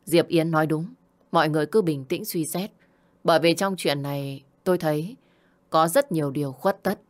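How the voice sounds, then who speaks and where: Woman reading as a calm stern young master, low, measured, storybook. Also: natural voice.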